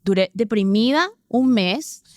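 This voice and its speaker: Animated woman from Venezuela, dry studio sound. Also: on the high side, no room sound. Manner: animated, emphatic, talks in quick bursts. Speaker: interview guest, sports presenter. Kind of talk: candid storytelling in an interview.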